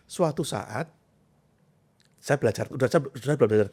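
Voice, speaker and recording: This is a middle-aged self-transformation coach speaking as an interview guest, slightly rough in tone, medium in pitch and at a normal speed. Animated and expressive, he tells personal stories and ticks off points in emphatic lists during the conversation.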